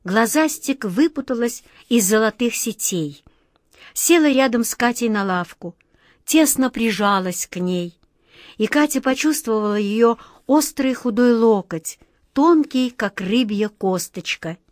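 A woman narrating a children's fairy tale audiobook in an expressive, measured way. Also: a little high, dry recording, studio quality.

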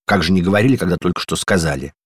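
A man's voice: deep voice, rapid-fire, slightly rough, no echo, clean studio sound. A man voicing a timid, gloomy male padlock in a storybook reading, meek and easily bewildered.

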